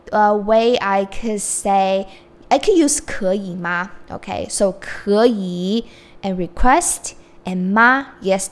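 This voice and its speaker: This casual lesson features a woman teaching Chinese phrases at medium pitch. She's a Chinese teacher and podcast host with Mandarin Chinese as her first language, and she switches from English explanation to slowly modeled Chinese phrases and back.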